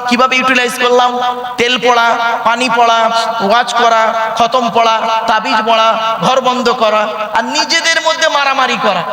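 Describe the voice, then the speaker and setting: A man's voice: extremely high pitch, bright, forceful tone. A male preacher giving a sermon at a large gathering, asking the crowd questions and calling for their answers. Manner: rhetorical call-and-response, quizzing the crowd. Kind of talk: Bengali religious sermon. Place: large outdoor religious gathering. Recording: echoey public-address sound in a big space. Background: crowd of listeners.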